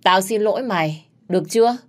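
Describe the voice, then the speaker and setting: A woman's voice: expressive, fairly quick, natural voice. A woman voicing a spiteful young female servant who shrieks her accusations. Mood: sullen defiant. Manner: shrill and accusing.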